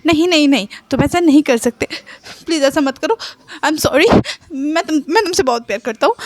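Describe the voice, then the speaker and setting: A woman's voice: sits high, fairly quick, no room sound, natural voice. A woman voicing a desperate young man who begs his lover not to leave, stammering through tears. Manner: tearful begging, stammering repeats.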